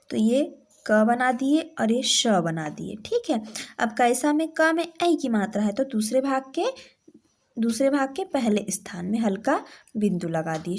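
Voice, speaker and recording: Patient woman teaching shorthand, fairly high voice. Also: darkish tone. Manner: patient, step-by-step, often checks with "theek hai". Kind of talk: classroom-style tutorial.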